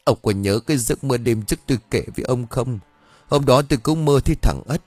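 A man voicing a frantic, grieving older mother who cries out in shrill panic, with gentle music behind. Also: brisk, no echo, close to an everyday voice. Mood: fearful.

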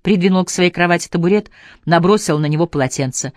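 A woman narrating a literary audiobook with a measured, expressive reading. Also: on the low side, no room sound, clean studio sound.

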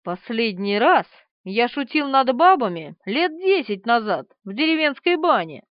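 A woman voicing a dim-witted, dazed young man who drawls slowly in an audiobook. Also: fairly high pitch, big pitch swings, dry recording. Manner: slow, dull, drawling. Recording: dry, slightly dull studio recording.

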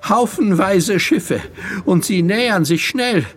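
A man's voice: high-pitched, slow, pitched above the performer's own voice. A man voicing a frantic, breathless teenage boy urgently giving a warning.

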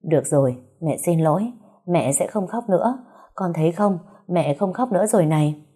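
Woman voicing a worried young mom in a story, low mellow voice, soft and pleading. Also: expressive, moderate pace, breathy edge. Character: young mother, anxious and tearful.

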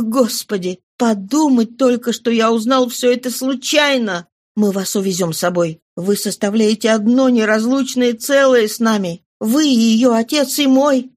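A woman's voice: a little high, normal speed, hardly any pauses, darkish tone, pitched above the performer's own voice, natural voice. A woman voicing a passionate young man in an audiobook reading, speaking with emphatic insistence. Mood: insistent. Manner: emphatic, impassioned.

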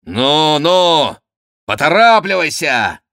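A man reading an audiobook, voicing a furious, hot-tempered count who shouts and threatens. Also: mid-range voice, sing-song, slow, no echo, studio quality, voice pushed up, full character voice. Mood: enraged.

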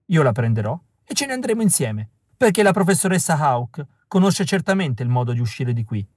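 A man's voice: fairly high pitch, sing-song, a little fast, darkish tone, no room sound. A man doing a sneering villainous spy. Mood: sly mocking. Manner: sneering, theatrical. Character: sly treacherous male villain spy, mocking. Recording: dry close recording.

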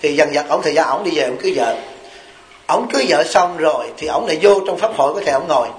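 A man's voice: fairly high pitch, expressive, fast talker, slight background noise. A man, a Buddhist monk with a Southern Vietnamese accent, giving a sermon in a folksy storytelling way, with rhetorical questions and acted-out quotes. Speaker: Buddhist monk and abbot giving a dharma talk. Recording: echoey hall recording.

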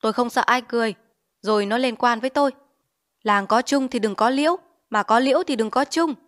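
A woman's voice: a little high, fairly quick, close to an everyday voice. A woman voicing a blustering village chief. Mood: angry. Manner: blustering, ordering. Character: hot-tempered male village chief.

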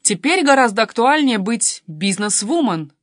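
A woman's voice: a little high, very animated, no room sound, clean studio sound. A woman reading a story, voicing a cheeky, mocking teenage daughter. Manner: quick, teasing, pert.

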